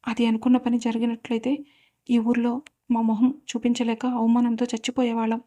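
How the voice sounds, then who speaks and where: A wronged, tearful old grandmother, voiced by a woman storyteller in a read-aloud tale. Her grievances come out in a mellow, fairly high voice that stays flat. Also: fairly quick, lightly acted. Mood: bitter. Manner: lamenting.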